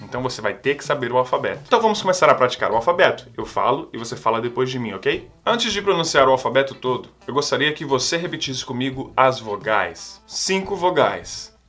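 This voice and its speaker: A man's voice: mid-range voice, sing-song, quick pace, hardly any pauses, fairly bright tone, faint music behind. A Brazilian man teaching English pronunciation, patiently repeating each sound for the listener to copy. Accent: Brazilian Portuguese. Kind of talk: language lesson.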